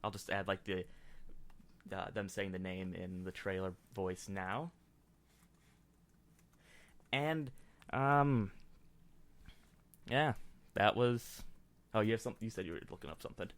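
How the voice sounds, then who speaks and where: A man's voice: fairly low pitch, takes it slowly, pauses often, a bit bright. A man hosting a casual podcast, rambling with many restarts and reading out movie ratings. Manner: rambling, self-interrupting, reads out movie ratings. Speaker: podcast host.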